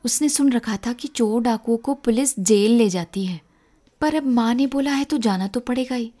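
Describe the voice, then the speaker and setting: A woman narrating a children's story, reading slowly and expressively. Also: fairly high pitch. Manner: slow, expressive reading with voiced dialogue.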